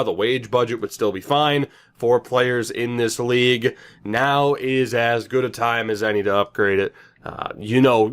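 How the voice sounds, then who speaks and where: A young man casually commenting on his own football management game, chatty and self-mocking with lively asides. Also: medium pitch. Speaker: gaming commentator.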